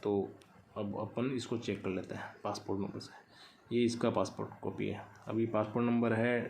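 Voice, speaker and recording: A man's voice: fairly low pitch, flat delivery, moderate pace, creaky, darkish tone, slight background noise. A man explaining an online check step by step, repeating numbers aloud as he types them. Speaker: tutorial host. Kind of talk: screen-recorded how-to explanation.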